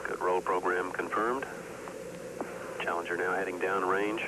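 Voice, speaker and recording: Deep-voiced man on static-filled mission radio. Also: measured pace. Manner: flat, clipped status calls. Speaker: launch commentator. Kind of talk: mission control launch commentary. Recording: hissy archival launch broadcast.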